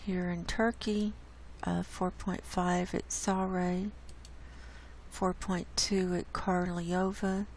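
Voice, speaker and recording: Hosting her own online science channel, a hoarse woman casually walks through earthquake maps on a screen share, pointing out each location in an unhurried, gravelly voice. Her pitch is fairly low and her tone level, and she coughs and clears her throat. A desk mic picks her up with slight background noise.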